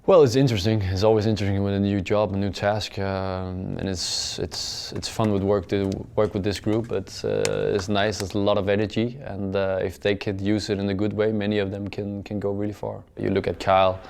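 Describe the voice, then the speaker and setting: A male football player with a low, flat, gravelly voice answers post-match interview questions. He speaks haltingly, often repeating words and saying "uh," staying plain and measured as his phrases trail off softly.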